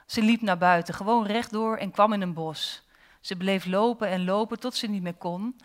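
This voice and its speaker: Woman storyteller, mid-range voice, reads her own tale with dramatic pauses. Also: mid-range voice. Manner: expressive, slow dramatic pauses. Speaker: storyteller and author. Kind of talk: reading her own fairy tale aloud.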